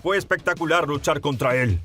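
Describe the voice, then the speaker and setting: A cold, commanding angel of war, as a man puts him on for a narrated fan story. He speaks seriously and with authority, in a fairly high male voice over faint music. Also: fairly quick, pushed and bright. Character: stern, imperious male angel warrior.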